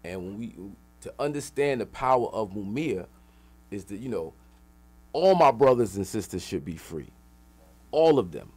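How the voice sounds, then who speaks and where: This rapper and activist, a middle-aged man appearing as a radio interview guest, tells stories with emphatic, slangy street flavor. His voice sits on the low side with a darkish tone, animated but at a normal speed.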